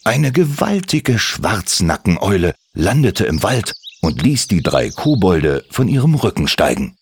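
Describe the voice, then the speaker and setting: Male storyteller, low voice, very animated pitch, children's tale. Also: a little slow, noisy background. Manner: expressive, swooping storyteller. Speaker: narrator.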